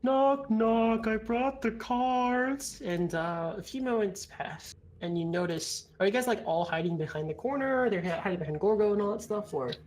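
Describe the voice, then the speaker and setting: A man improvising descriptive narration as game master of a tabletop game, halting and conversational. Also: high voice, lively intonation, a little mellow. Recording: background noise.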